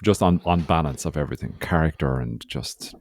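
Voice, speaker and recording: An Irish man in his forties co-hosts a podcast, trading casual banter that is rambling, sweary, and joking, and he sounds hungover. His voice is extremely low and darkish, his delivery brisk, and the recording dry with clean studio sound.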